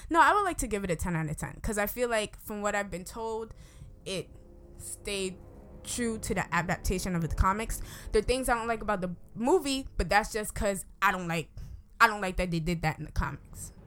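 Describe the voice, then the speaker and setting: A woman giving a casual, unscripted review, her words slightly slurred by braces and rubber bands as she tells it in an animated, emphatic way. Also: mid-range voice, fairly quick. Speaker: movie reviewer.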